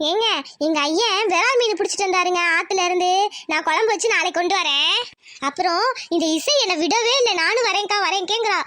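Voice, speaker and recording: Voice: extremely high pitch, fairly quick, bright, forceful tone. A performer voicing a devoted young village woman in a cartoon, pleading and anxious. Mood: chatty. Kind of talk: cartoon voice acting.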